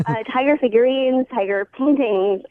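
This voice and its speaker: Calling in to a radio program, a woman chats casually on the phone, somewhat hesitant and with wry amusement. Her high voice moves at normal speed with no echo, carried by a thin, narrow telephone line.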